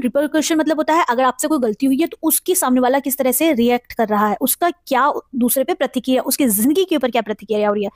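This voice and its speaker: A woman with an Indian accent teaching English vocabulary. She reads English example sentences very slowly, then explains them at length, asking questions and answering them herself. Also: sits high, darkish tone, no room sound, clean studio sound. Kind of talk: vocabulary lesson in Hindi mixed with English.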